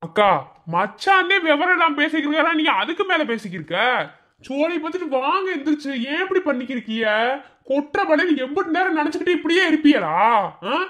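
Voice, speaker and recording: A voice actor doing a pushy caring village lad. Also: female voice, high voice, expressive, a little fast, fairly bright tone. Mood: insistent. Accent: Madurai Tamil. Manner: pleading, insistent. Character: caring village young man.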